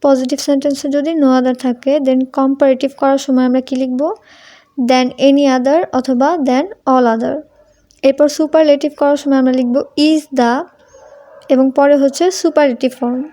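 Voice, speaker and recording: A young woman with a high-sitting, warm voice delivers a flat, moderately paced Bengali lesson on English grammar. Addressing students informally as tumi, she asks questions and then answers them herself.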